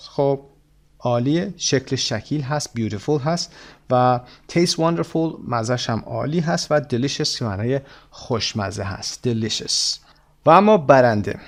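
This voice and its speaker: A man who speaks Persian natively, with a Persian accent, teaches from an English textbook at a middle pitch. He reads the English words slowly and with care, then gives the Persian explanations in fast bursts. He sounds like a teacher going through a lesson step by step. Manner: slow, drawn-out English phrases.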